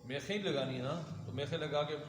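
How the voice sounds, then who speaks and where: A man gives a classroom lecture as an Islamic teacher, constantly quizzing his students and having them repeat his words. His voice sits a little high. The recording rings with long reverb from a large hall, and steady background noise runs under it. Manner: lively, asks students questions and has them repeat.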